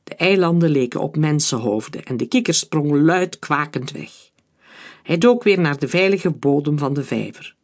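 Husky storybook narrator. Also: male voice, a little high, expressive, moderate pace. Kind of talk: storybook reading.

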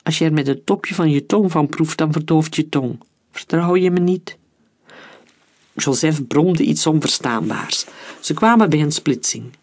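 Man narrating a war story. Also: a little slow. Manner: reads dialogue with shifts in pitch and loudness. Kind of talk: audiobook narration with character voices.

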